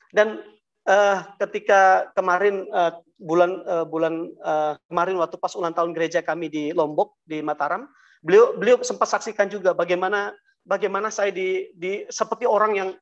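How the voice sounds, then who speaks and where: A man telling his personal testimony to an audience, talking haltingly with many fillers and restarts and often addressing them directly. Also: sits high, dull audio. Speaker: guest giving a testimony. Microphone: video call.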